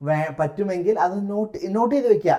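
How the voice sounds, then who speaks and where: A man's voice: high voice, fast talker, warm tone. Malayali-accented man coaching an English test. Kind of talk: classroom-style lesson.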